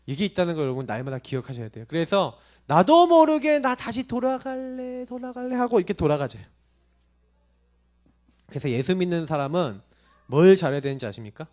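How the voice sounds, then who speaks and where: A man's voice: a little high, sing-song, brisk, pauses often, a little mellow. A male pastor preaching a sermon, asking the congregation many rhetorical questions.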